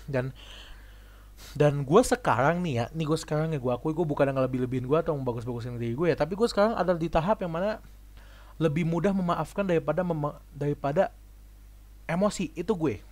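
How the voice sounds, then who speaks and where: A man's voice: on the high side, fast talker, darkish tone. A young man in a casual monologue vlog. He rambles in slang, often repeats and restarts his words, and acts out the people he talks about.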